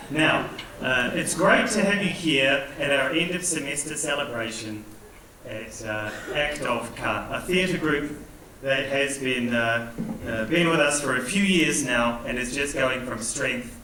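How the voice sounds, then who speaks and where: A man with a New Zealand accent hosting a live stage show with playful, self-mocking stand-up jokes and hesitant fillers. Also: mid-range voice. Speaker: master of ceremonies and English teacher. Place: large indoor theatre hall. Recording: echoey hall from far off, audience noise. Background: audience laughter and room ambience.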